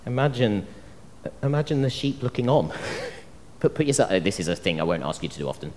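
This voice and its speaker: Animated male preacher in a reverberant hall. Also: mid-range voice, a little fast, a little hiss or hum. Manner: animated storytelling, acting out quoted voices. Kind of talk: sermon. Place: church hall. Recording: long reverb of a church hall.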